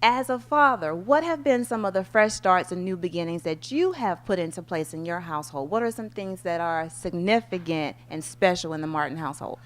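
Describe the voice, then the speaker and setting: A woman hosts a talk show in a casual chat with her guest. Her voice sits a little low for a woman, and she affirms him often and laughs easily. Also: fairly quick, hardly any pauses.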